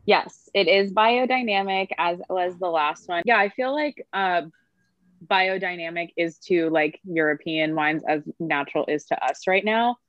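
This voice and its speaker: A woman's voice: lowish voice, a little slow, a bit bright, no room sound, dull audio. A woman sommelier chatting casually on a podcast, full of fillers and easy laughs. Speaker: sommelier guest.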